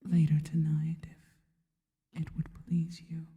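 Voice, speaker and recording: An actress plays an adoring, sinister spider-woman monster in an ASMR roleplay, using a low, breathy whisper that is very dark and soft, drenched in long reverberant echo. Her delivery is completely flat yet seductive and hungry, slow, deliberate, reverent and intimate, with formal phrasing.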